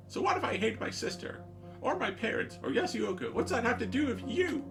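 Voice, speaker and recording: A man voicing a cold, dismissive teenage rich girl in a let's play, in a low, slow put-on voice. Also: sing-song, gravelly, over music, exaggerated voice. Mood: defensive.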